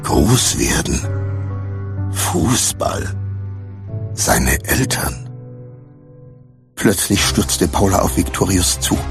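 A man reading a children's adventure story aloud with expressive scripted narration. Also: deep voice, very slow, gravelly, long pauses, music in the background. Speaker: audiobook narrator.

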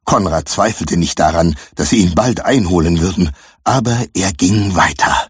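A man reading a children's adventure story aloud with expressive scripted narration. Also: deep voice, moderate pace, breathy edge. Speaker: audiobook narrator.

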